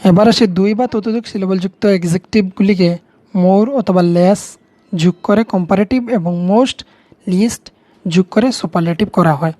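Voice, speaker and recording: A woman's voice: mid-range voice, fairly quick, warm tone, no echo. A woman with a Bengali accent, patiently explaining English grammar to students step by step, repeating key words. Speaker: teacher.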